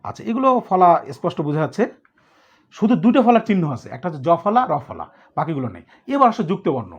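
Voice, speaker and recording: Male teacher, high and animated, explaining step by step to students; dull lo-fi recording. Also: fast talker, slightly rough. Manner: explains step by step, checks in with students, mixes in English words. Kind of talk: grammar lesson for students.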